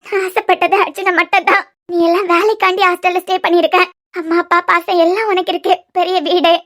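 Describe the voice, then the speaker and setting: In a cartoon serial, a woman voices a heartbroken, scheming young woman, sounding tearful and self-pitying. She has a Kanyakumari Tamil accent and a very high-pitched, fairly bright voice.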